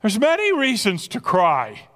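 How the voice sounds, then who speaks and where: A man preaching an Easter sermon as pastor, impassioned, swinging from loud emphasis to hushed near-whispers. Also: high voice, huge pitch swings, a little slow. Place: church sanctuary. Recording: long reverb of a church hall.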